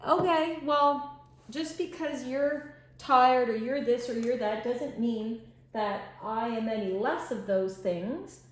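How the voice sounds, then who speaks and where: A woman's voice: on the high side, takes it slowly, reverberant. A tired woman hosting a puzzle channel from home, chatting unscripted and rambling with lots of fillers, sometimes dropping to mutters as she works. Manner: drops to mutters and whispers while working the puzzle. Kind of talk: unscripted chat while doing a puzzle.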